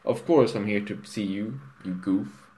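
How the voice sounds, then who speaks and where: A man's voice: lowish voice, measured pace, warm tone, lightly acted. A man voicing a smug, vain male pony millionaire in a comic storybook reading, boastful and teasing.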